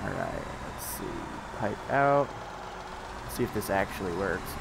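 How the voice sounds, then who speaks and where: A man's voice: low voice, huge pitch swings, unhurried, creaky, noisy background. A man hosts a casual live game stream, his voice stuffed up and groggy from the morning. He rambles along with plenty of fillers, restarts and half-finished thoughts. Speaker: streamer playing a farming game with friends.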